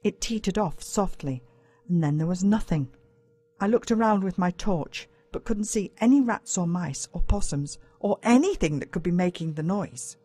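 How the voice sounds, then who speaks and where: Narrating a scripted first-person children's story, an Australian woman delivers it with drama and suspense. Her lowish voice is mellow with a breathy edge, animated, and moderately paced.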